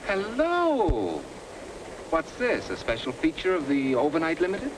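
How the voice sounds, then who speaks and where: A breezy, muddled passenger flirts in flippant screwball banter, his pitch swooping widely. It is 1930s comedy acting on a clearly noisy soundtrack. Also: wildly swooping pitch, measured pace.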